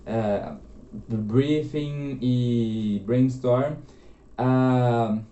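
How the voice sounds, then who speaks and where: A young man in his twenties from Minas Gerais tells his story as an interview guest, chatty and animated. His voice sits at a middle pitch with a dark, mellow tone. The recording is roomy and a little dull. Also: very slow. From Minas Gerais, Brazil. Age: 20s. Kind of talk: casual interview chat.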